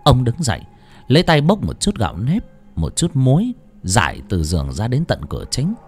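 A man narrating a story in a dramatic, expressive way. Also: mid-range voice, normal speed, faint music behind. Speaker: audiobook narrator.

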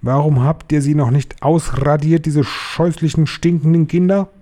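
A man voicing a tyrannical female witch leader in a storybook reading, screeching and slow with menace. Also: mid-range voice, mellow, pitched above the performer's own voice, close to an everyday voice. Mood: scornful rage. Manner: screeching, spitting scorn, slow menacing emphasis.

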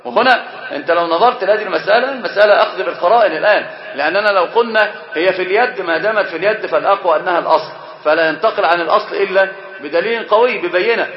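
A man teaching a religious book as a sheikh, lecturing in an animated way. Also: high-pitched, rapid-fire. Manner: animated, acts out quoted speech. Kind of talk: Islamic lecture. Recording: roomy, dull lo-fi lecture recording.

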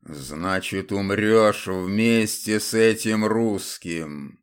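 A man doing a hoarse undead templar, slow and menacing. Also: lowish voice. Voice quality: hoarse, sepulchral. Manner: slow, menacing, drawn-out delivery. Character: undead male templar knight, grim, relentless fanatic. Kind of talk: audiobook character voice.

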